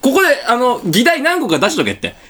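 A man's voice: extremely high pitch, wildly swooping pitch, a little fast, fairly bright tone. A man improvising a comedy sketch on a podcast, playing a bossy, teasing senior colleague.

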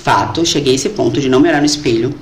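A woman guest in a casual conversation, telling a personal story in an animated, expressive way and acting out the voices she quotes. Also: extremely low pitch, rapid-fire, slight background noise. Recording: roomy echo.

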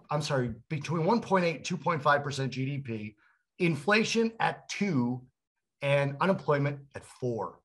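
A man co-hosting a casual podcast chat, an animated storyteller who acts out quotes in other voices. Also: mid-range voice. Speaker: co-host.

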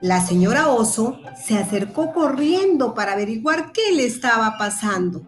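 Gentle woman reading a children's story. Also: fairly high pitch, big pitch swings. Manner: gentle, slow and clear. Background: soft music.

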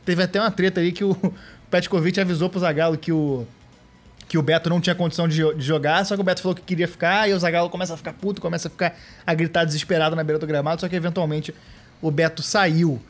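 A man's voice: fairly high pitch, fairly even intonation, quick pace. A Brazilian man hosting a casual podcast, recapping an old football match with joking, sarcastic asides. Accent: Brazilian Portuguese.

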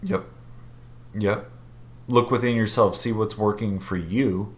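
A man co-hosting a podcast in relaxed group conversation, speaking reflectively while his voice comes through a video call that keeps breaking up. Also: fairly low pitch, measured pace. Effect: choppy video call audio, breaking up. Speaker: podcast co-host. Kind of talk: casual group chat.

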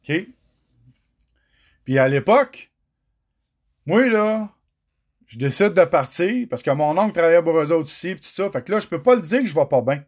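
A man's voice: on the high side, expressive, moderate pace, pauses often. A middle-aged man with a Quebec French accent, telling his own story in a raw, emotional monologue, cursing often and speaking straight to the viewers.

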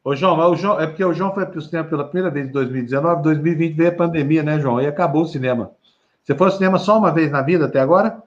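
A man's voice: a little high, racing. A man with a Brazilian Portuguese accent hosting a live stream in a chatty, teasing way. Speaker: host. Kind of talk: casual live-stream chat. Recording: dull lo-fi stream audio.

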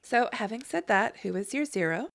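A woman's voice: a little high, animated, moderate pace, vocal fry, no echo, clean studio sound. A woman co-hosting a podcast, chatting casually and emphatically about reality TV and acting out quotes. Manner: emphatic, acts out quotes with laughs. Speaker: podcast co-host. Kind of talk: casual gossip chat.

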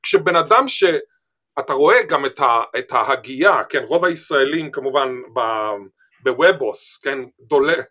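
A man's voice: fairly high pitch, expressive, bright, forceful tone. An Israeli man speaking emphatically in a discussion, telling anecdotes and often repeating words and phrases. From Israel, Eilat. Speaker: panel speaker on language. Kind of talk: animated discussion with anecdotes and quotes.

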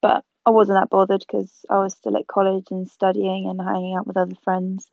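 A woman's voice: mid-range voice, completely flat delivery, brisk, creaky, no room sound. A woman in her twenties, originally from South Africa, chatting casually as an interview guest and laughing easily. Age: 20s. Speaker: guest photographer. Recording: tinny phone-like line.

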